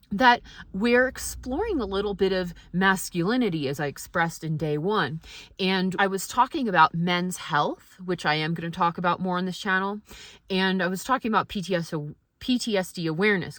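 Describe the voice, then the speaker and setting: A woman vlogger giving a casual, motivational monologue, speaking candidly and reflectively with halting pauses. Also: lowish voice, fairly bright tone, dry recording.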